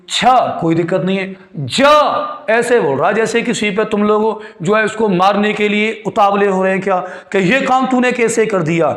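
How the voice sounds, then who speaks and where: Lecturing in a reverberant room, this male Hindi grammar tutor speaks in a high voice and takes a quizzing approach. He repeats himself, tests the class with questions, and affectionately addresses students as "beti" and "chhote."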